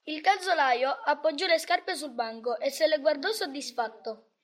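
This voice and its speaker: A woman reads a Christmas storybook aloud. Her voice is high and light, and she narrates calmly with measured phrasing. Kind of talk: storybook reading.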